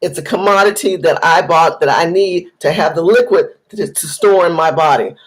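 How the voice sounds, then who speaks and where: A woman's voice: on the low side, normal speed, breathy edge, poor audio. An American woman giving impassioned commentary straight to her viewers, emphatic and repetitive, driving each point home as if lecturing. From United States. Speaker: political commentator vlogger. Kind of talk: impassioned direct-to-camera commentary.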